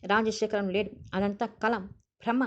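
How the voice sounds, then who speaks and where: A woman narrating an audiobook in a steady reading voice, on a dull lo-fi recording. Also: medium pitch, moderate pace.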